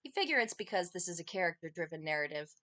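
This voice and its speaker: A woman's voice: on the low side, animated, very fast, sharp tone, no echo. A woman reading a game's second-person narration aloud, adding playful, dry comments. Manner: playful, dry asides between narrated lines. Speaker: game streamer.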